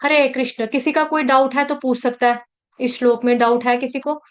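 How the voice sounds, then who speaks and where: A woman teaching verse recitation in an online class. She chants slowly, then breaks the words down syllable by syllable. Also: high voice, level tone. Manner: slow chanting, then rapid syllable-by-syllable explanation.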